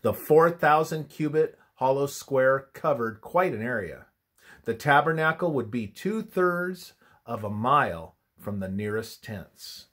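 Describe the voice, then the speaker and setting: Reading a scripted religious study, a man speaks expressively at a medium pitch. His approach is measured and instructive, and his phrases often end on a soft, fading note.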